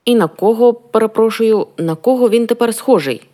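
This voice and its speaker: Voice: mid-range voice, moderate pace, dark tone, voice pushed up, close to an everyday voice. A reader voicing Vasya, a sarcastic, crude young man in an audiobook. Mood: mocking. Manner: mocking, crude. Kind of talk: audiobook reading.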